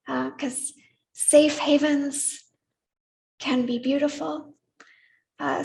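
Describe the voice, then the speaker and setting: A woman leading a congregation in worship, gently inviting them to repeat words back to her. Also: high voice, vocal fry, low-quality recording. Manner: gentle, inviting, leads call-and-response. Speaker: service leader. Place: church sanctuary.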